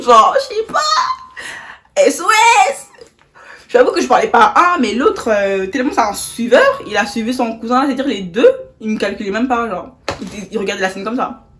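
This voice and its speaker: A young adult woman vlogger telling a storytime while eating. She talks in animated, slangy bursts, sometimes with her mouth full, and acts out the people she quotes, swinging from loud to soft. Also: fairly high pitch. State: mouth full of food at times.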